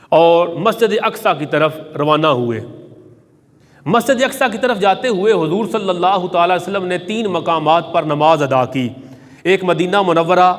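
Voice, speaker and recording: A man's voice: high voice, long reverb tail. A man preaching a Friday sermon, telling a sacred story reverently and reciting Arabic hadith.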